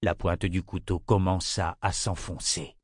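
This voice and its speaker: A man reading a fantasy novel aloud as an audiobook narrator, in a steady, even storytelling manner. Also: sits low, measured pace, no room sound, clean studio sound. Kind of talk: scripted narration.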